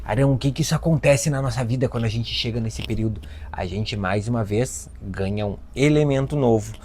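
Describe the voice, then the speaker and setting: A Brazilian man giving a self-help talk, animated, acting out parents and children in his stories. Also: medium pitch, fairly quick, a little hiss or hum. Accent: Brazilian Portuguese. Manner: lively storyteller, acts out voices of children and parents. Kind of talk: lecture with acted anecdotes.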